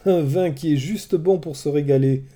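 A cunning sorceress speaks in a coaxing, slightly raised voice, put on by a male storyteller. The timbre stays very dark and mellow, as in a read-aloud storybook. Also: a little high, normal speed, pitched above the performer's own voice, natural voice. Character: seductive, cunning sorceress woman, pleading.

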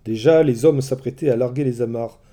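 A man telling a mythology story in scripted, expressive narration. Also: medium pitch, a little fast.

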